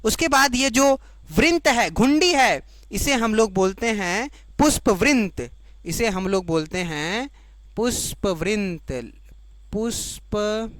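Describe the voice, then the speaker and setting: Woman teacher repeating terms slowly. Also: a little high, lively intonation, no echo. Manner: repeats each term slowly, then asks checking questions; explains in Hindi, giving the English term for each. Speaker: biology teacher. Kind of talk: classroom lecture to board-exam students.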